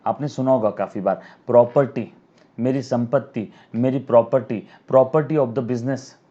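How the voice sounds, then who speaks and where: Man, accounting teacher, recorded video lecture, dictates slowly with repetition, mellow voice, dull lo-fi sound. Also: medium pitch. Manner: dictates definitions slowly and repeats words for students; calls students "my child" and asks "yes or no?". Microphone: camera mic.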